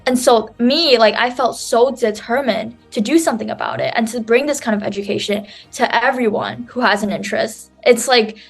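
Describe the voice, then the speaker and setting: A woman's voice: on the high side, moderate pace, few pauses, husky, soft background music. Chatty young woman presenting on a video call. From New York City, USA. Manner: chatty, full of "um" and "like" fillers. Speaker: student speaker presenting her nonprofit. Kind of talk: online conference presentation.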